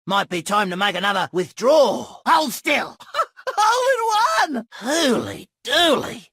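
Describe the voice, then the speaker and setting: A manic young Australian bomber in a video game. He bellows in a dopey, cartoonish way, his sharp voice cracking with rasp and swinging wildly. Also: very high voice, very animated, slow, no room sound, studio quality, exaggerated voice. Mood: manic glee. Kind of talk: video game character voice lines.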